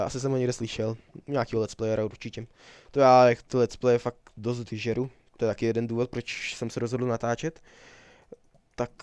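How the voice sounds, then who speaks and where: A man's voice: mid-range voice, a little mellow, no room sound. A young man giving rambling, jokey commentary while playing a survival game, laughing often and talking to his viewers. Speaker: let's player. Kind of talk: casual gameplay commentary.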